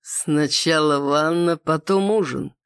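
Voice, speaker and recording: A reader voicing a chatty, teasing soldier in an audiobook, speaking slowly with a smile. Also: mid-range voice, clear, resonant tone, no room sound, studio quality. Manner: slow, teasing. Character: chatty soldier, playful, grown man.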